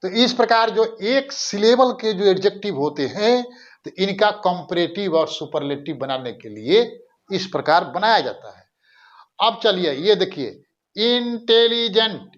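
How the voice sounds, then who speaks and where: Slow, high-voiced grammar teacher. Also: male voice, highs cut off. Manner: slow, repeats words to drill them. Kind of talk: grammar lesson with whiteboard explanation.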